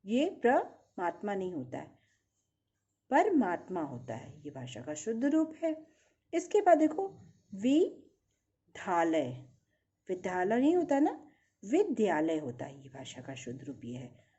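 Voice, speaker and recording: Slow, lively-voiced woman teacher. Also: medium pitch, slightly rough, lo-fi sound. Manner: slow, patient, asks and answers her own questions. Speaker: primary school Hindi teacher. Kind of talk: recorded class lesson.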